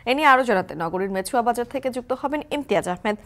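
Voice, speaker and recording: A woman's voice: fairly high pitch, expressive, rapid-fire, fairly bright tone. A woman anchoring a morning news bulletin, reading formal links to reporters in the field. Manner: crisp, formal link reading. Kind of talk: scripted news presenting.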